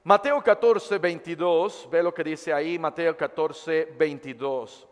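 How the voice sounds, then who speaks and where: A male pastor preaching a sermon and reading scripture aloud, dramatically swinging between loud and hushed delivery. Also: fairly high pitch, slow, big-room sound. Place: church.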